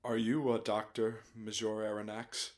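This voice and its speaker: A man playing a brooding, commanding submarine captain in a radio play, grave and terse, with formal, measured speech. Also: fairly low pitch, little pitch movement, lightly acted. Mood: grave, restrained. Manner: slow, measured, formal address.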